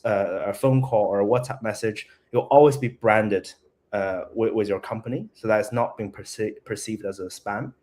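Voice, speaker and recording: Low-voiced man, halting guest talk. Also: a little mellow. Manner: halting, restarts often, laughs lightly. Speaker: tech company CEO, guest. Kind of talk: casual interview conversation.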